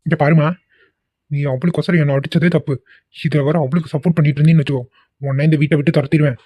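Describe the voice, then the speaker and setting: A man voicing a husky, fast-talking bully son. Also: on the high side, steady tone, no room sound, lo-fi sound. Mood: angry. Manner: harsh, threatening. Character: arrogant, bullying middle-aged son. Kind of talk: cartoon voice acting.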